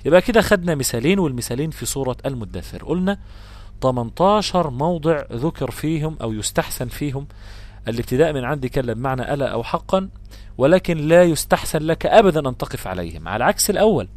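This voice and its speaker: A man with an Egyptian accent teaching a lesson on Quran recitation, explaining patiently, repeating his examples and chanting verses slowly. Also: on the high side, big pitch swings, darkish tone. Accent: Egyptian Arabic.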